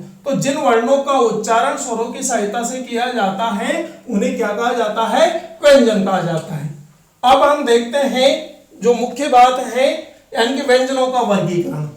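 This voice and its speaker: A man teaching a classroom grammar lesson, dictating slowly with long drawn-out pauses as he writes on a board. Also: very high-pitched, distant mic. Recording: echoey room, voice off-mic.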